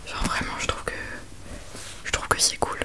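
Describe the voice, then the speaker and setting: A young adult woman chatting informally about books in a soft, breathy library whisper for ASMR, hesitant and often trailing off mid-phrase. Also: normal speed. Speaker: ASMR book reviewer. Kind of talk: whispered ASMR book chat.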